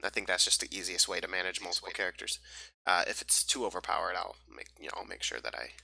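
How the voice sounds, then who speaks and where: A man's voice: deep voice, animated, quick pace, creaky, sharp tone, no room sound, poor audio. A young man running a tabletop game over a voice call, casual and rambling, full of fillers and restarts. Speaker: game master.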